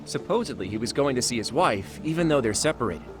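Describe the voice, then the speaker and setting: Backed by music, this game cutscene features a male actor briefing his detective partner on a case in an explanatory way. He has a mid-range, natural voice with lively intonation and a quick pace.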